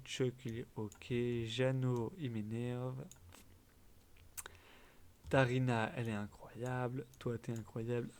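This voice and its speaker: Chatty young man with gravelly voice. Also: mid-range voice, darkish tone. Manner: chatty, blunt quick verdicts, trailing fillers. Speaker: gaming YouTuber. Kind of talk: casual commentary.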